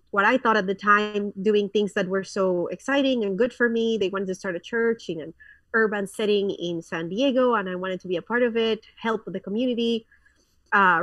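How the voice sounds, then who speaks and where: A woman's voice: mid-range voice, fairly bright tone, dry recording, distant mic. A woman in her thirties from Colombia, a pastor, talking frankly as a guest in a casual interview, with lots of fillers and restarts.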